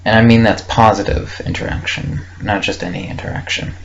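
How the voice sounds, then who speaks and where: A young man's creaky voice, on the low side and steady in tone, moves fairly quickly through a rambling, unscripted audio log. He thinks aloud in brief, hesitant fragments with a reflective air, and the muffled lo-fi sound carries faint background noise.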